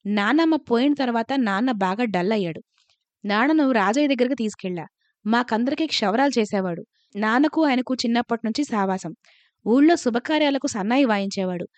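A woman reading a first-person story aloud in a calm, measured narration. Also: a little high, dry recording.

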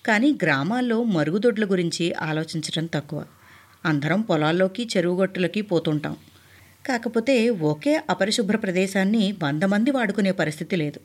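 A woman's voice: mid-range voice, lively intonation, normal speed. A woman narrating a first-person memoir in an earnest, heartfelt storytelling manner. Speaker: audiobook narrator.

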